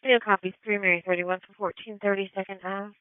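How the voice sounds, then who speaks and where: A woman's voice: medium pitch, steady tone, fast, smooth, dry recording. A woman dispatcher giving procedural, matter-of-fact calls over police radio. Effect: radio transmission. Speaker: emergency dispatcher. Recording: tinny narrowband police scanner radio.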